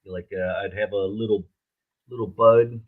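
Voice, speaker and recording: A man chatting casually in a laid-back stoner way, halting and searching for words. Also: fairly low pitch, steady tone. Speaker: logo artist and co-host. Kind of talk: casual chat. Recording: dull, lo-fi, muffled sound.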